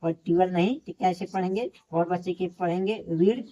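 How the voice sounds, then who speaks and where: A woman's voice: fairly low pitch, normal speed, mellow. A woman teaching English pronunciation in a classroom lesson, spelling out each word letter by letter and then repeating the correct form. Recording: dull lo-fi recording.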